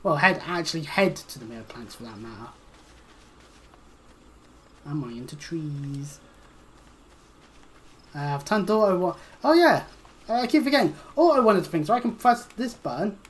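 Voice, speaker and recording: A woman's voice: deep voice, animated, normal speed, pauses often. A woman casually commenting on her gameplay, chatty and humming to herself, swearing now and then. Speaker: streamer.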